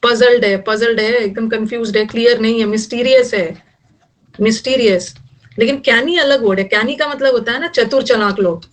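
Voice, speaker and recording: A middle-aged woman with a fairly high voice teaches an online vocabulary class. She mixes Hindi and English and makes jokes to help words stick. Her voice sounds a little distant from the microphone. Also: moderate pace. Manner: mixes Hindi and English, jokey memory tricks.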